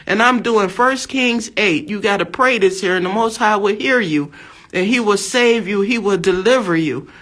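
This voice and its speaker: An American woman, aged in her fifties, preaches a fervent monologue of religious testimony, repeating phrases as she exhorts with emphasis. She has a mid-range, somewhat bright voice and speaks at a normal speed.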